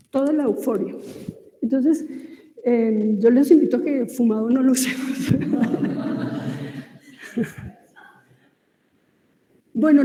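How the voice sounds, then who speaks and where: A woman's voice: high-pitched, warm tone. A woman with a Colombian Spanish accent giving an informal lecture, talking conversationally with many fillers and restarts. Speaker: lecturer on cosmetic ingredients. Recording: echoey room with long reverb.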